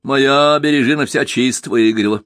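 A man's voice: mid-range voice, moderate pace, a bit bright, dry recording, clean studio sound, voice pushed up, close to an everyday voice. A man voicing a poor village peasant who haggles and grumbles in rustic speech. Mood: haggling.

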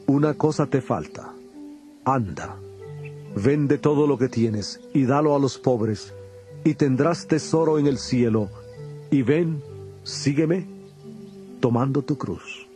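A man acting as solemn, mellow-voiced Jesus over music. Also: medium pitch, lightly acted. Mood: earnest instruction. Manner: solemn, deliberate, measured delivery. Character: Jesus, a grave, patient male teacher and prophet. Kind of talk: dramatized audio Bible dialogue.

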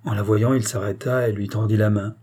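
Brief: male narrator, classic novel audiobook, steady measured read, husky and mellow. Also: on the low side.

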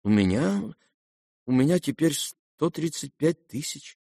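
A man voicing a gentle, timid young prince in an audiobook, speaking softly and hesitantly. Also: medium pitch, lively intonation, gravelly, breathy edge, no echo, studio quality, heavily acted. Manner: soft, hesitant, halting.

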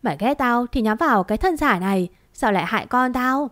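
A woman voicing an older mother who is grieving and vengeful, with a shrill, accusing, wailing delivery. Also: expressive, fairly quick, fairly bright tone, no room sound, studio quality.

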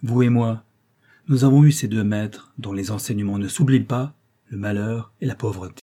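Earnest young painter, husky and low; a male narrator voices him. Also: normal speed, warm tone, natural voice. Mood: earnest resolve. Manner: earnest, intense, persuasive.

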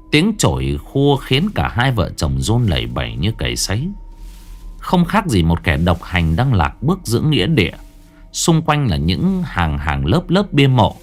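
Male horror storyteller, low voice with wide swings, faint music behind. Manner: dramatic, slow and hushed at tense moments. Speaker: narrator. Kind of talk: scripted horror story narration.

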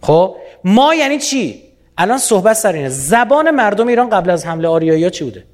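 A man from Iran giving a lively public lecture, often quizzing his audience with rhetorical questions. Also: sits high.

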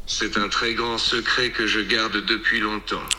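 A synthetic male voice voicing a bewildered male farmer who guards his secrets, in calm, evenly read lines. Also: lowish voice, unhurried, slight background noise. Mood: puzzled.

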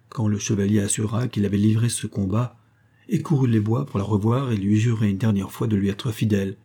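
Low, dark, husky male narrator. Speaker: audiobook reader. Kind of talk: scripted narration.

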